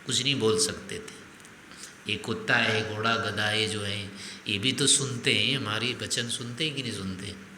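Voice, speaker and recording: A man's voice: fairly low pitch, fairly even intonation, moderate pace, bright, forceful tone. An older man giving a spiritual discourse as a teacher, reasoning aloud with rhetorical questions. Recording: echoey hall with faint noise.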